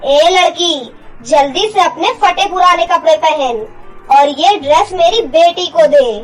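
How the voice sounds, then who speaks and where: A woman's voice: extremely high pitch, unhurried, faint music behind, rough recording. A woman doing a cruel scolding stepmother. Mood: harsh scolding. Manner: harsh, scolding, threatening. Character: cruel bossy stepmother, middle-aged woman.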